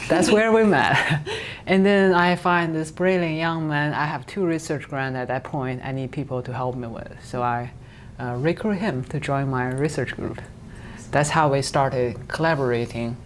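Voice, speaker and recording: Low-voiced woman professor and co-founder. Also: slight background noise. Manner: brisk, with uh fillers and short laughs. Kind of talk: interview answers.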